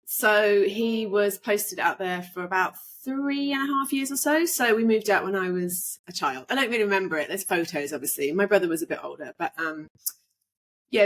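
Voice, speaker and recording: A middle-aged woman from England, chatting casually as a podcast guest, rambling with fillers. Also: medium pitch. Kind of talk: casual interview chat.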